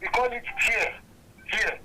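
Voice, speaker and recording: A man's voice: sits high, bright, forceful tone, slight background noise. Nigerian man calling in on a clipped phone line. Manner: earnest, halting, repeats himself. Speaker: caller. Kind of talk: call-in comment on a talk show.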